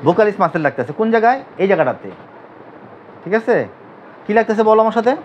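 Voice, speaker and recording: High, fast-talking male lecturer drilling students. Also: lively intonation, a little hiss or hum. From Bangladesh. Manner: drills students with repeated questions. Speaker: physiotherapy teacher. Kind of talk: classroom anatomy lecture. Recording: dull lo-fi recording.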